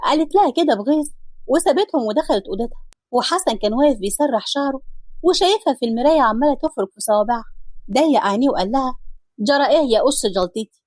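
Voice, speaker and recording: Egyptian woman storyteller, quick narration, dry close mic. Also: sits high, animated, darkish tone, dry recording.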